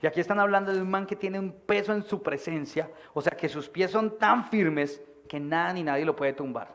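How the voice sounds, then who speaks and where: Man, lively sermon delivery, projected voice, higher pitched, church meeting. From Colombia. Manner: animated, acts out voices of people in stories; projects his voice from the diaphragm. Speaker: pastor.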